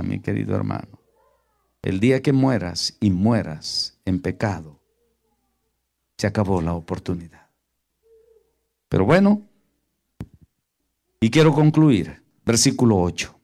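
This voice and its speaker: A male preacher giving a sermon, firing rhetorical questions at his congregation and swinging between loud emphatic lines and hushed low ones. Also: expressive, measured pace, vocal fry, pauses often.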